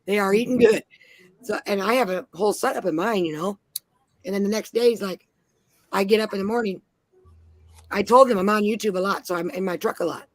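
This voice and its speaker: A woman's voice: medium pitch, a little fast, long pauses, dry recording. A woman from Minnesota on a panel, telling blunt, heavily profane stories in casual chat. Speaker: panel guest.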